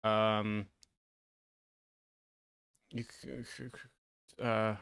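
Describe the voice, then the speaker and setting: This online video host speaks extremely slowly in a low-ish, level voice that's gravelly yet a bit bright, clear and resonant. Sitting close to the microphone with no room sound, he improvises a casual lesson, rambling and hesitant and putting himself down.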